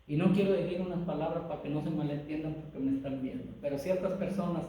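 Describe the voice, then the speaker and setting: A man's voice: on the high side, fast, dark tone. A man preaching a sermon as a lay preacher, impassioned, calling listeners brothers and often stumbling over repeated words. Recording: very echoey room, mic far off.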